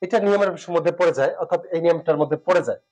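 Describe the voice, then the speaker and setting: A man teaching spelling rules who speaks, repeats words, pauses with fillers and asks and answers his own questions. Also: a little high, darkish tone. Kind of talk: classroom lesson.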